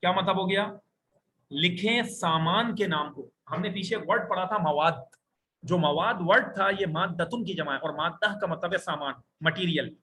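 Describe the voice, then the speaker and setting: High-voiced man teaching a language class. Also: bright, forceful tone. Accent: Pakistani Urdu. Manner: slow, drawn-out modeling of words for students to repeat. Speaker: Arabic teacher.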